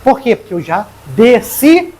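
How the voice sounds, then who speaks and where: Animated husky-voiced Brazilian preacher man. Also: extremely high pitch, normal speed. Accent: Brazilian Portuguese. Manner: animated, talks straight to the congregation by name. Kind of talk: sermon.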